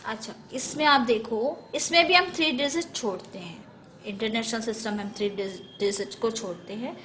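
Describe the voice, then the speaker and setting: A woman's voice: a little high, moderate pace, a bit bright, a little hiss or hum. A woman teaching a math lesson in Hindi, going step by step through place values, often correcting herself and mixing in English number words.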